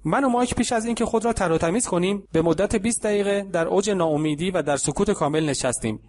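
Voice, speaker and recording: A man reading an audiobook story aloud in a calm, even narrating voice, giving the characters light voices in the dialogue. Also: sits high.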